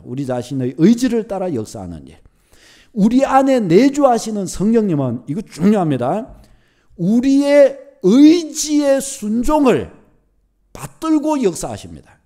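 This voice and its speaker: A man with a Gyeongsang accent preaches a sermon, driving his points home by repeating them. His voice sits very high for a man and swings widely in pitch, and he leans on homely everyday stories. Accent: Gyeongsang Korean. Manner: animated, repetitive emphatic preaching with homely examples. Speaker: pastor.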